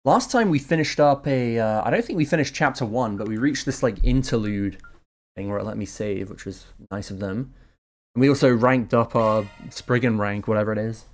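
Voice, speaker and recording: A man's voice: lowish voice, moderate pace. A man hosting a let's-play, casually translating game dialogue aloud, loose and offhand with fillers. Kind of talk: casual live translation commentary.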